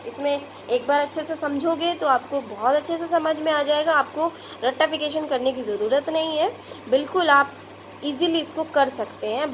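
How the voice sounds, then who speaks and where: A woman's voice: sits high, a little hiss or hum. A woman teacher with an Indian Hindi accent, patiently explaining word prefixes to young pupils, repeating each example. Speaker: school English teacher.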